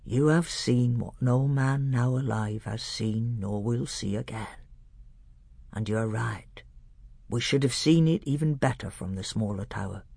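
A man voicing Doctor Cornelius, an old male scholar and tutor, speaking low in a secretive whisper for a storybook reading. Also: unhurried, gravelly, darkish tone, breathy edge, dry recording. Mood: grave secretive.

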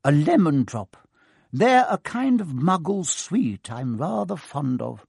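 A man voicing a gentle, calm elderly wizard headmaster who speaks in a slow, measured way. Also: fairly high pitch, vocal fry, slightly rough, dry recording, studio quality, exaggerated voice. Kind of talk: audiobook character voice.

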